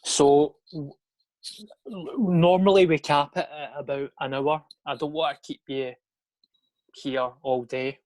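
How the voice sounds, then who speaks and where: Laid-back sweary podcast host. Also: male voice, a little high, dry recording. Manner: laid-back, swears casually, laughs often. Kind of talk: casual podcast chat.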